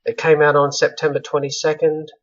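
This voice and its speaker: Aussie guy rambling through a vlog, fairly high voice, keeps correcting himself, kinda muffled audio. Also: a little fast. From Australia. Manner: self-described monotone, rambling with frequent self-corrections. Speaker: author vlogging about his book launch. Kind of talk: casual vlog update. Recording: slightly dull lo-fi sound.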